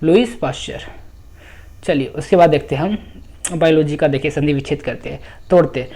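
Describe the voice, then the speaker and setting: A man's voice: on the high side, warm tone. Man teaching, answering his own questions. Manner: asks questions and answers them himself, repeating key terms; drawls English terms slowly, with frequent self-corrections. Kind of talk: exam coaching lecture.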